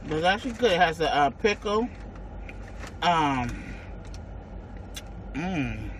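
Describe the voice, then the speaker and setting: Lady doing a mukbang in her car, chewing while talking, slow n chatty, noisy car sound. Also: deep voice, big pitch swings. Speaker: mukbang vlogger. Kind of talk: casual chat to viewers while eating. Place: inside a parked car. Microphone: phone or camera on the dashboard, about arm's length. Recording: noisy car interior with ambient hum.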